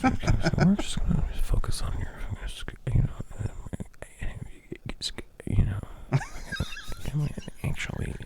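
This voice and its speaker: A man hosting a crude comedy podcast, rambling and laughing, his volume uneven as he drifts into soft mumbles and whispers. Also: extremely high pitch, huge pitch swings, slow pace, pauses often. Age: adult with a daughter. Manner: rambling, joking, laughing mid-sentence. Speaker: podcast host.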